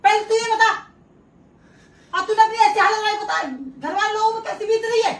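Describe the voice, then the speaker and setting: A woman with a very high voice scolds and teases her brother. She sounds a little away from the mic, and the room echoes. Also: normal speed, far from the mic. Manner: scolding, teasing. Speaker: sister. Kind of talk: emotional vlog argument. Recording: roomy, from off-mic.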